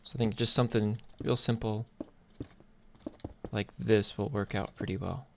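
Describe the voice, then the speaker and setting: A gaming YouTuber talks through his gameplay casually and tentatively, musing aloud as he goes. His low voice is gravelly yet fairly bright, with fairly even intonation at a normal speed, and the noisy mic captures clicks and typing.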